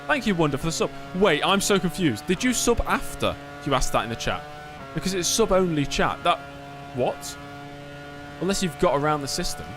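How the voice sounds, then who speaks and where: A man's voice: fairly high pitch, big pitch swings, moderate pace, over music. A man live-streaming a game, giving casual commentary, replying to chat and muttering to himself.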